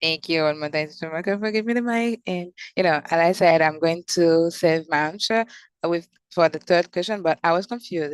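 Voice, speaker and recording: A Haitian woman giving a measured, polite answer in a video-call debate. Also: fairly low pitch, clear, resonant tone, dry recording. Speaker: debate participant.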